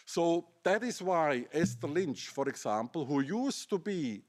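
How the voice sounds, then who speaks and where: A middle-aged man with a German accent presents at a seminar in a slightly high voice, very animated yet keeping a measured pace. The academic argues his position by firing off pointed rhetorical questions.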